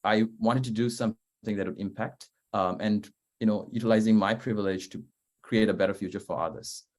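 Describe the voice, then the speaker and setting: A young man, a startup founder, answers earnestly on a webinar panel, hesitating often. His voice is on the low side, steady in tone, a little mellow, and fairly quick. The audio comes through a video call microphone.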